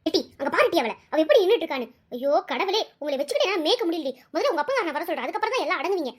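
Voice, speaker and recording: A woman's voice: extremely high pitch, big pitch swings, racing. A woman voicing a harried cartoon mother who scolds her quarrelling daughters in an exasperated, threatening way. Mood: scolding. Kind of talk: cartoon voice acting.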